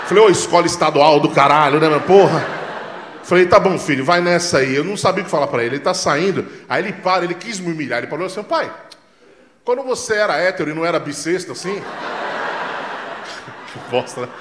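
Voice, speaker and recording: Brazilian guy doing stand-up, high voice, loud and animated, roomy club sound. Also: a little fast, noisy background. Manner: loud, animated storytelling with acted-out dialogue and swearing. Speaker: stand-up comedian. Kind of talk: stand-up comedy set. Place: comedy club stage with live audience. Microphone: handheld stage mic.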